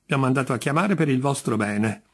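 A man's voice: medium pitch, a little fast, slightly rough, close to an everyday voice. A man doing a patient, bemused judge. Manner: patient, mildly coaxing. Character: patient, bemused middle-aged male judge.

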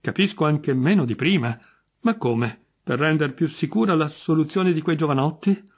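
A man's voice: fairly high pitch, normal speed, breathy edge, voice pushed up. Patient, puzzled judge, voiced by a man reading. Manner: patient, mildly coaxing. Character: patient, bemused middle-aged male judge.

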